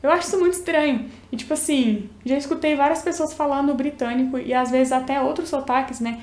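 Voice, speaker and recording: Speaking fast in a high-pitched, slightly mellow voice, a young woman from Minas Gerais with a local Brazilian Portuguese accent gives a chatty English pronunciation lesson, explaining and modeling sounds. The room she's in is echoey.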